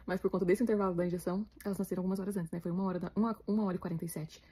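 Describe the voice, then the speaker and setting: Rapid-talking Brazilian woman vlogger. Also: on the low side, steady tone, mellow, slightly rough. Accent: Brazilian Portuguese. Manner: rapid, chatty, emotional retelling. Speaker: vlogger, new mother. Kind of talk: casual storytelling to viewers.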